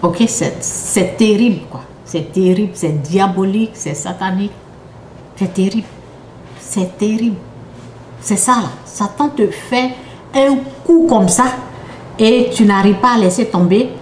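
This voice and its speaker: A woman preacher giving a sermon with personal testimony, emphatic and repetitive, sometimes dropping to a hush. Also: mid-range voice, measured pace, slight background noise. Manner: emphatic, repetitive, drops to hushed tones. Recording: echoey room with faint ambience.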